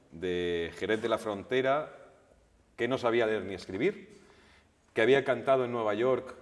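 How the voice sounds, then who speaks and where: A male journalist telling lively anecdotes at a public talk, acting out the dialogue with restarts, on a stage microphone in a lecture hall. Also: lowish voice. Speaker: journalist, guest.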